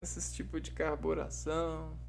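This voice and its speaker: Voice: medium pitch, flat delivery, a little slow, creaky, darkish tone, a little hiss or hum. Rambling vlogger. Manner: rambling, hesitant, full of "né" fillers and acted-out bits of dialogue. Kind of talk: casual reflective vlog monologue.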